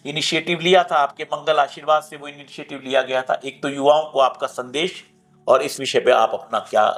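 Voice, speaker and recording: A man hosting a podcast interview, asking a long question that stops and restarts several times. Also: medium pitch. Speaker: podcast host.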